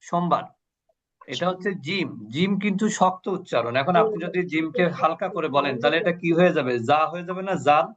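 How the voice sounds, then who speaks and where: A man teaches an online recitation class, his voice a little high and muffled by the video call. He speaks patiently, drills the letter sounds and keeps asking his students questions. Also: fairly quick, a bit bright. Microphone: video call mic.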